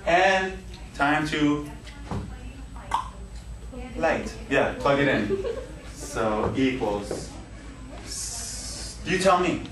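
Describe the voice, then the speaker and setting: A man's voice: fairly high pitch, animated, very slow, pauses often. A man teaching algebra to a class, joking and laughing as he quizzes his students. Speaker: math teacher. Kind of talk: classroom lesson. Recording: echoey classroom, distant mic, noisy.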